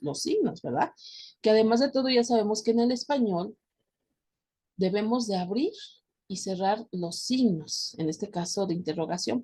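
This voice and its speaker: A Mexican woman teaching a class, her voice sitting at an ordinary middle pitch. She explains step by step and keeps checking that her students follow. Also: a little mellow, husky. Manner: addresses students directly. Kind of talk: recorded class lecture.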